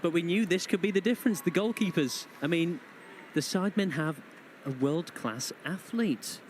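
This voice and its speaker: Cracking puns and jokes, this male match commentator calls a football game live in a fairly high voice at normal speed. The background carries clear outdoor ambience.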